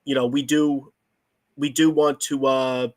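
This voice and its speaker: Halting male podcast host. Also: mid-range voice, little pitch movement, darkish tone. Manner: halting, many restarts and fillers. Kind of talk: casual show sign-off.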